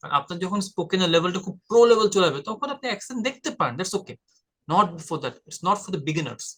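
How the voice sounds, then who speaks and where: Man from bangladesh, exam tutor, direct informal lesson, voice a bit high. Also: animated, fast, a bit bright. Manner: direct and informal, addresses viewer as brother. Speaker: IELTS tutor. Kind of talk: casual explanatory lesson.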